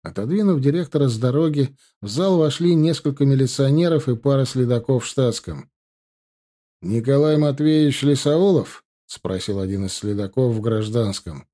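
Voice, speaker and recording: A male audiobook narrator with a mellow, dark voice, telling a gritty crime story at an even, steady pace. His delivery stays calm between the scenes. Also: mid-range voice, brisk, few pauses. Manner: steady storytelling with character quotes.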